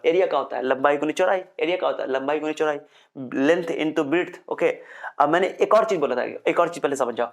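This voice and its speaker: A young man gives a recorded physics lecture. He works through each point slowly, repeats his own questions and answers them as his students would. He reads English definitions out carefully and sounds a little short on energy. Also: on the high side. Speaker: physics teacher.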